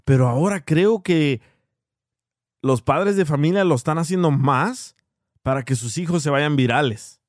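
A man's voice: on the high side, measured pace, no echo, clean studio sound. A man from El Salvador hosting a casual podcast chat, laughing often and asking his guests questions. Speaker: podcast host.

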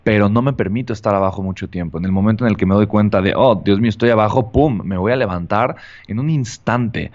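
A man's voice: lowish voice, fast, darkish tone. A man, an earnest podcast host who talks with many fillers and tag questions. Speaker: podcast host interviewing a guest. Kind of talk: conversational podcast interview. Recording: slightly muffled lo-fi audio.

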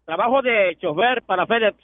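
A man's voice: high-pitched, normal speed, dry recording. A man calling in to a radio show, giving plain, brief answers. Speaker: caller, truck driver. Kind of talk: call-in chat on radio. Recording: tinny phone line with noisy crowd.

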